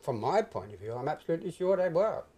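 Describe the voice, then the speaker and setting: A man's voice: on the high side, sing-song, fast talker, a little mellow. An older man with a British accent, reminiscing in an interview in a conversational, hesitant way, repeating phrases for emphasis. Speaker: interviewee, retired stock jobber. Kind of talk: reminiscing in an oral history interview.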